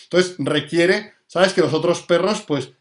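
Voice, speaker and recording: A man's voice: fairly high pitch, unhurried. A man, a dog trainer explaining things in a live talk and answering viewer questions, often checking in with his listeners.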